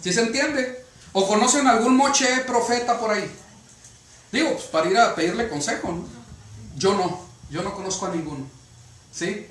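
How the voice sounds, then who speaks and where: A man's voice: high voice, normal speed, pauses often, fairly bright tone. A man preaching a sermon to a congregation, often checking with rhetorical questions. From Mexico. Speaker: pastor. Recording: echoey room from a distance.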